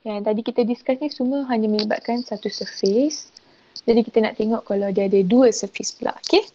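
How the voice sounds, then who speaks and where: A woman's voice: fairly high pitch, brisk, mellow, lo-fi sound. A woman teaching an online physics lesson, mixing Malay and English and checking in often with the class. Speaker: lecturer.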